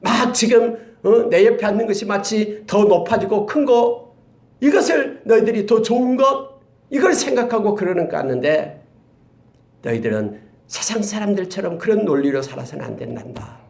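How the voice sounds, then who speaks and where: A male pastor preaching a sermon, moving between loud, stirring exclamations and hushed, whispered asides. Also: high-pitched, very animated, normal speed, gravelly. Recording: roomy echo.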